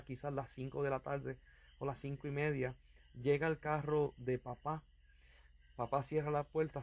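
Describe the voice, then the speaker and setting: A man's voice: medium pitch, gravelly, a little mellow. A man preaching as an evangelist, speaking earnestly and directly to the listener, with fervent emphasis. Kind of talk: sermon.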